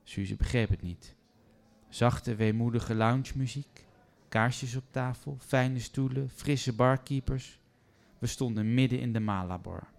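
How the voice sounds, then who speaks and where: A man reading a first-person story aloud in a calm, measured way. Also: mid-range voice, creaky.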